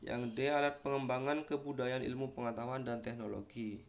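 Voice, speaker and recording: A man's voice: medium pitch, level tone, fairly quick. A man giving a university lecture, explaining step by step with frequent fillers and repeated words.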